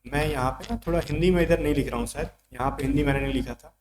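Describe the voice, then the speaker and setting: A man's voice: a little high, very fast, a crowd in the background. A man teaching an exam vocabulary lesson, explaining words step by step and checking in with his students often.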